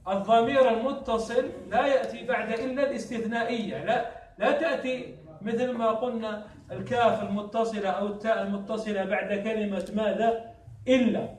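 A man's voice: high voice, fairly even intonation, fairly quick. A man teaching a classroom lesson on Arabic grammar, often asking a question and answering it himself. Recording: echoey room, mic far off.

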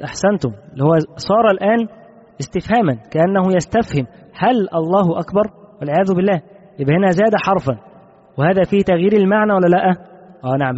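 A man's voice: sits high, darkish tone. A man teaching a religious text. He reads each passage aloud, then explains it, repeats key phrases, and puts questions to his class. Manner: questions the class and praises answers. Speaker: Islamic jurisprudence teacher. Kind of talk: religious text commentary lesson. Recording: muffled recording in a reverberant hall.

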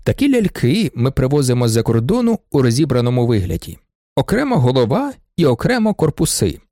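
A man reading aloud and voicing a calm, decisive middle-aged merchant. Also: mid-range voice, a little fast, no echo, studio quality. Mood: firm. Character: calm, firm male shopkeeper, middle-aged.

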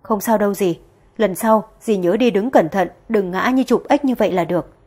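Woman reader as a calm young heroine in a storybook: gentle, steady, slightly breathy, fairly high voice. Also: a little fast. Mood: coolly pointed. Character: young woman, calm and composed under provocation.

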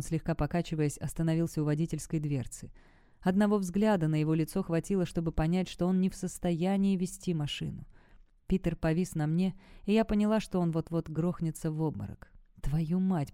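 Woman audiobook narrator, low and mellow, tense first-person storytelling, close mic. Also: clear, resonant tone, no echo.

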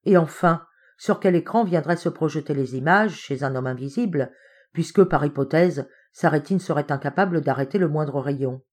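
A woman reading an excitable young man who argues his point with eager, insistent triumph. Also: fairly high pitch, moderate pace, lightly acted. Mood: triumphant. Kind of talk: audiobook character reading.

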